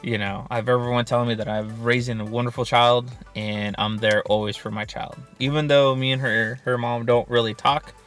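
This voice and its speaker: A man's voice: medium pitch, flat delivery, a little fast, hardly any pauses, fairly bright tone, faint music behind. A man co-hosting a casual mukbang chat, candid and easygoing, swearing freely. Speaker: mukbang co-host.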